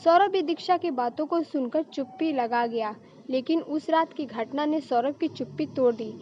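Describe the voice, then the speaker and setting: High-voiced woman telling a story. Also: moderate pace, a little mellow, dull audio, a little hiss or hum. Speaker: story narrator. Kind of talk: storytelling narration.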